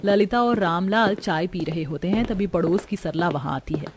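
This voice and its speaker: A woman giving scripted story narration in a steady, even storytelling voice. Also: on the low side, moderate pace.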